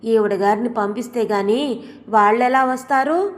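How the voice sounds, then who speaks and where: A woman's voice: on the high side, normal speed, close to an everyday voice. A woman voicing a harsh, resentful middle-aged wife who scolds sharply. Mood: angry. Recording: long hall reverb.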